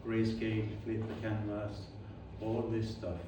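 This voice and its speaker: An Icelandic painter in his forties talks casually in his studio while demonstrating his materials, rambling and frequently correcting himself. His voice is lowish, completely flat in delivery, and a little slow. The studio is very echoey, the mic sits at a distance, and background noise is clearly audible.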